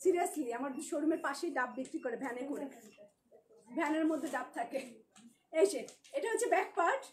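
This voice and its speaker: A woman's voice: high voice, lively intonation, brisk, slight background noise. A woman with a Bangladeshi Bengali accent, a shop owner selling clothes on a live stream, chatty and joking as she greets viewers by name.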